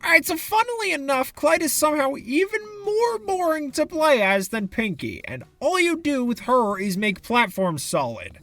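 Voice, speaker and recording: A man's voice: extremely high pitch, wildly swooping pitch, moderate pace, hardly any pauses, sharp tone. A man giving sarcastic, exasperated commentary for a video game review essay, into a close mic.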